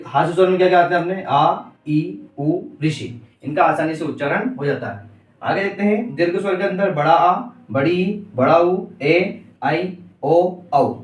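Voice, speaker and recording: A man with a slightly high voice teaches an exam-prep grammar lesson, putting questions to the class and then answering them himself. He stands away from the mic, so his voice sounds thin and distant. The room echoes a great deal. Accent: Indian Hindi.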